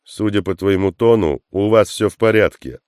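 A man doing a calm male operator in an audiobook, businesslike and steady over the line. His voice is low and smooth, recorded close and dry. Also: moderate pace, no echo, lightly acted. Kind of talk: audiobook character voice.

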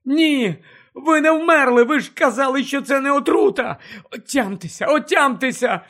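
A man's voice: high-pitched, lively intonation, measured pace, voice pushed up, exaggerated voice. Harry Potter, a frantic young wizard, voiced by a man. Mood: desperate pleading. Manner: pleading, frantic shouting. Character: teenage boy wizard, panicked and desperate. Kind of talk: audiobook character voice.

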